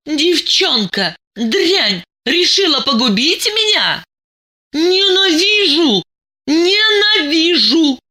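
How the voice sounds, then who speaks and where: A woman's voice: high voice, normal speed, pushed and bright, voice pushed up. A woman reading an audiobook, voicing a furious, jealous woman who shrieks accusations. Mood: hysterical.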